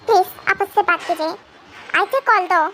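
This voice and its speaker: A woman's voice: extremely high pitch, normal speed, bright, forceful tone, a little hiss or hum, low-quality recording. A young woman voicing a hot-tempered young male captor who mutters threats to himself, in an amateur fan audio drama. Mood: scheming. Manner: muttering, menacing.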